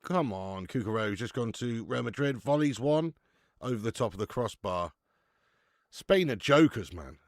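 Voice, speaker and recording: Bloke in his 30s, gravelly voice, laughs and swears a lot, dry close sound. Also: mid-range voice, lively intonation, moderate pace, no room sound. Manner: laughing, swearing banter with chat. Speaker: football watch-along host. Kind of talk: casual live-stream chat.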